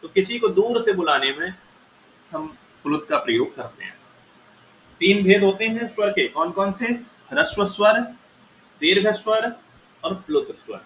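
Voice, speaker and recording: A man's voice: sits high, expressive, unhurried, a bit bright. A man teaching Sanskrit grammar, explaining step by step and sounding out vowels aloud to show their length. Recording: echoey room with faint noise.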